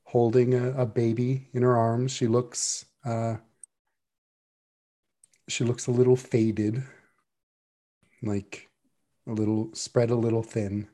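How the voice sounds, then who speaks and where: A man narrating a tabletop game as game master, relaxed and conversational. His voice is mellow and dark in tone, sitting at an ordinary middle pitch. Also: takes it slowly, long pauses. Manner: casual, with restarts and fillers.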